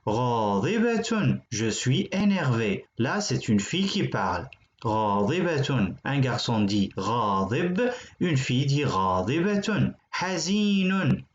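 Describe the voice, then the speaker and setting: A patient man teaching a language lesson at a middle pitch. He walks through each step while writing on a board and repeats every word slowly several times. The recording sounds dull and lo-fi. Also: very animated, echoey room. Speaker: Arabic teacher.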